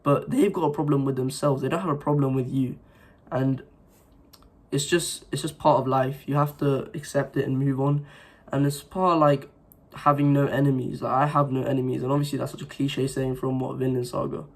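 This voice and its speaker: Still recovering from an illness that left his throat sore, this young man gives his viewers a sincere, meandering pep talk to camera, stumbling through fillers and restarts. He's a self-improvement vlogger with a mid-range, level voice and a fairly quick delivery.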